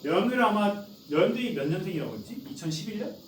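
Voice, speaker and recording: A man's voice: high voice, expressive, racing, slight background noise. A man in his forties teaching a class in a classroom, chatty, often asking students questions and answering them himself. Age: 40s. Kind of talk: classroom lecture. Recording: echoey classroom from far off.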